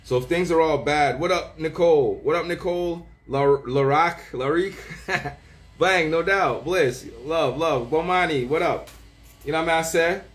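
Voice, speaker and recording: A man hosting a casual livestream, greeting viewers by name with slang shout-outs and laughing often. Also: on the high side, soft background music. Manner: laughs often, drawn-out words. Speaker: livestream host.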